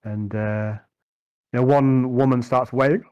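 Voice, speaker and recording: A man narrating a tabletop game as game master, improvising in a conversational, halting way and often repeating words. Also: mid-range voice, steady tone, darkish tone, clear, resonant tone, no room sound.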